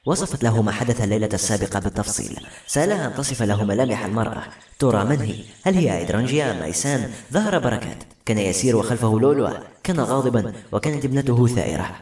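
A man narrating a novel as an audiobook with brisk, steady scripted reading. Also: mid-range voice. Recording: roomy echo.

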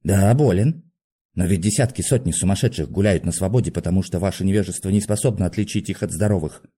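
A man voicing an agitated young male asylum patient who shouts bitter accusations. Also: low voice, fast talker, slightly rough. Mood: indignant.

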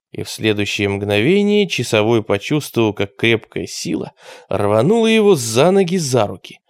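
A man narrating an audiobook in an expressive storytelling manner. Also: mid-range voice, no echo, clean studio sound.

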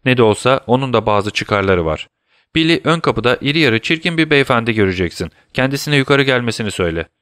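Sherlock Holmes, alaycı ve soğukkanlı dedektif bir erkeğin sesiyle. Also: male voice, medium pitch, quick pace, smooth, no room sound, clean studio sound, natural voice. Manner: calm, teasing, commanding. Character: cool, mocking male detective, middle-aged. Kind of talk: audiobook character voice.

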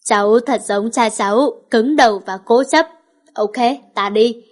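A woman's voice: a little high, a little slow. A woman reading the lines of a scheming, mocking old male villain in a storybook. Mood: taunting. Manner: taunting, cold.

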